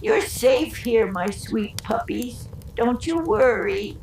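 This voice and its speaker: Woman playing a slow, tender elderly woman. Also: on the high side, expressive, a little mellow, rough recording. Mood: tender, reassuring. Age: older. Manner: tender, soothing, slow cooing. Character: gentle elderly woman soothing rescued husky puppies. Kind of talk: scripted character lines in a narrated story. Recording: clear background noise.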